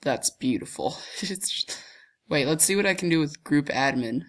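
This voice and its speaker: Giggling mischievously and often dissolving into laughter, a young gaming channel host thinks aloud as he clicks around a screen-recorded game in casual commentary. He has a cold that makes his voice stuffy and deeper, yet it's a little high, a bit bright, and expressive, at a moderate pace.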